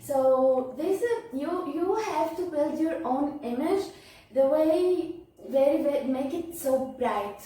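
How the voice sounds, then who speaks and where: A young woman with a Syrian Levantine Arabic accent speaks in a notably high, soft-toned voice. She answers casually as an interview guest, pausing to find words. The recording is very echoey and distant, with faint noise. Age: young adult.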